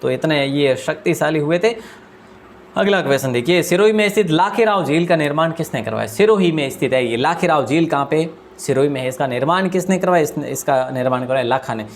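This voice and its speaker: Fast-talking man quizzing his students. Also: a little high, a little hiss or hum. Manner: asks questions aloud and answers them himself; deliberately speaks fast. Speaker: quiz teacher. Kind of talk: exam-prep quiz lesson.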